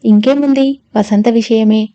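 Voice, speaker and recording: A woman's voice: on the high side, fairly even intonation, a little slow, dark tone, muffled recording, natural voice. A woman reading the part of a spirited young woman who protests emphatically in a storybook reading. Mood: indignant.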